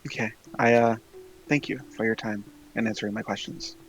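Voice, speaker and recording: A man speaking in character in a tabletop game, hesitant and halting with many pauses and fillers. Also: fairly low pitch, fairly even intonation, faint music behind, poor audio. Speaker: player. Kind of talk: in-character tabletop role-play.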